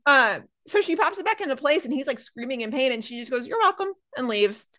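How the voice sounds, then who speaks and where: A woman's voice: high voice, lively intonation, fairly quick, sharp tone. A woman co-hosting a podcast, chatting casually as she recaps a TV episode and acts out the characters' lines. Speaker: podcast co-host.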